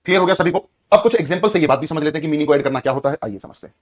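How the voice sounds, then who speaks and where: A man teaching an online grammar lesson in a Hindi accent, energetic, repeating key words and asking students questions. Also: fairly high pitch, very fast.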